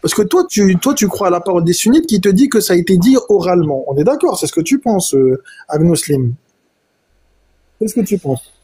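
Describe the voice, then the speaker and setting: A man's voice: high voice, lively intonation, mellow, breathy edge. A man debating in a heated live online debate, arguing insistently, often restarting his sentences and citing verses again and again. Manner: argumentative, insistent, cites verses repeatedly; halting, with many restarts. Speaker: debate participant.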